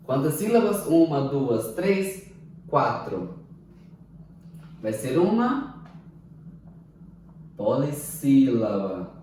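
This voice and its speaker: Guy teaching a class, really slow, spells stuff out, sounds far off in a boomy room. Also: a little mellow, slight background noise. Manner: slow, deliberate, spells out syllables and asks "ok?" often. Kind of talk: recorded online class lecture. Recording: echoey room, mic far off.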